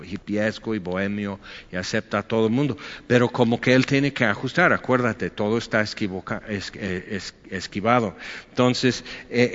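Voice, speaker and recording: A pastor preaches in a loose, joking way, slipping into a higher voice when he acts out what people say. His voice rings with a long reverb in a large hall. The sound is muffled and lo-fi. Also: a bit bright. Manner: chatty, jokey, acts out quotes in a higher voice. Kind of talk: conversational sermon.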